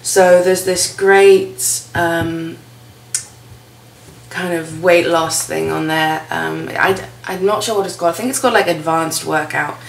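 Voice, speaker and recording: A young woman with a New Zealand accent talks in a casual, rambling vlog style. Her voice is wheezy and fairly low, with plenty of creak. The recording is roomy and echoey. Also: steady tone, a little slow. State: wheezy, with a cough from quitting smoking. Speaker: vlogger. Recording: roomy echo, faint background noise.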